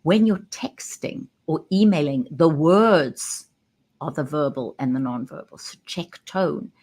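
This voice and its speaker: Low-voiced woman coaching to camera. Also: darkish tone. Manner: emphatic, stresses key words with pauses. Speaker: communication coach. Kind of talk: direct-to-camera talk. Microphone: webcam.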